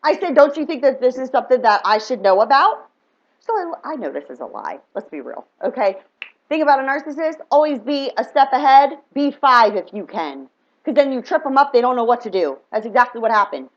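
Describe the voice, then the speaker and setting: Woman, fired up and emphatic, personal storytelling, acts out dialogue, fairly high voice, dull lo-fi sound. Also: sing-song, a little fast. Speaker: spiritual reader and vlogger.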